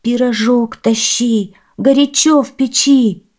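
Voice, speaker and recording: Woman doing a lively storybook boy, eager and loud. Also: on the high side, slow pace, voice pushed up. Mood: urgent. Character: eager little boy, later crying from the oven.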